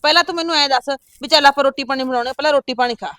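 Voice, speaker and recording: A middle-aged woman playing a patient older sister and farm-living mother who keeps calming her sibling down. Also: high-pitched, rapid-fire, no room sound. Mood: placating. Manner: soothing, placating, often asks back "huh?". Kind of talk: village family drama acting.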